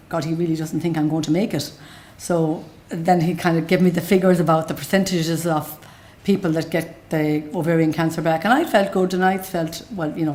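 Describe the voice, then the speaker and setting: There is slight background noise as this middle-aged Galway woman, her voice low and a little mellow, tells her own story as a patient. She speaks unscripted with a west of Ireland accent, in a plain, matter-of-fact way.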